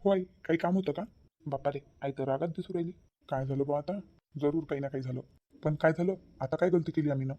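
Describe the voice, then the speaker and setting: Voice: medium pitch, fast talker, mellow, highs cut off, natural voice. A performer voicing a worried grown son. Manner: anxious, questioning.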